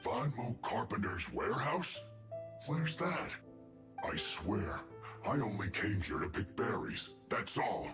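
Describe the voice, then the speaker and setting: A man's voice: fairly low pitch, very animated, slow. An actor playing a defensive, grumbling male agent in a video game, speaking over game music. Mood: sulky. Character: sulky male agent caught picking berries. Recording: roomy echo.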